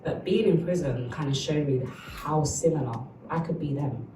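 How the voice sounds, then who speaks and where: A woman's voice: low-pitched, moderate pace, reverberant, far from the mic, background noise. A woman from Uganda, giving a candid, reflective documentary interview.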